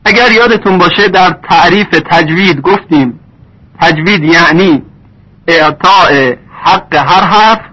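A man teaching recitation rules in a lesson, stretching out example words slowly. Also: high voice, pushed and bright, husky. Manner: slow drawn-out example words. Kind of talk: tajweed lesson. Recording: dull lo-fi recording.

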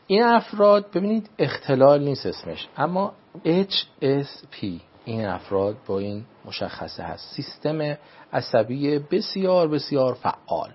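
A man speaking as a religious adviser on a talk show, in a formal, measured way, often repeating set phrases. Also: on the high side, big pitch swings, slightly rough, dull audio. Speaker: religious speaker giving advice. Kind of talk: radio talk show guest.

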